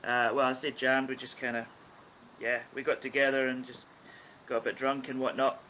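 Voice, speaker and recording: A man's voice: mid-range voice, little pitch movement, moderate pace, sharp tone, slight background noise, poor audio. A man from the east coast of Scotland, telling self-mocking stories as a band guest on a video call. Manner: jokey, self-mocking storyteller. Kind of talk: casual chat.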